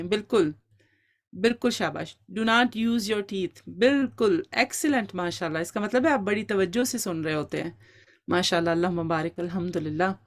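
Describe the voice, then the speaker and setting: A woman teaches a Quran recitation class online. She quizzes her students and praises their answers as she goes, with English words mixed into her Urdu. Her voice sits at a middle pitch for a woman.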